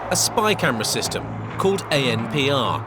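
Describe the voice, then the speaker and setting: A man reading measured, dramatic voice-over for a police documentary. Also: mid-range voice, sing-song, loud music behind the voice. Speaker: documentary narrator. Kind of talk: scripted documentary narration.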